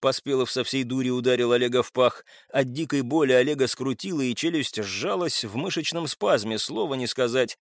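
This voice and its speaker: A man narrating an audiobook in an expressive, scripted reading on a close mic. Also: medium pitch, fairly quick, few pauses, no echo.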